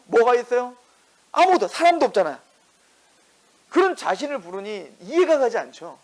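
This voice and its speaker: Male pastor preaching, high voice swinging all over, tons of rhetorical questions. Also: low-quality recording. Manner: animated, rhetorical questions, acts out quotes. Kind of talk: sermon.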